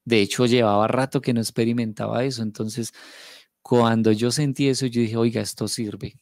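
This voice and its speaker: A man's voice: medium pitch, fairly even intonation, moderate pace, no echo, studio quality. A man from Bogotá with a Colombian accent, giving an earnest personal faith testimony in a storytelling way, often repeating phrases. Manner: earnest, emotional storytelling with repetitions. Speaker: testimony speaker.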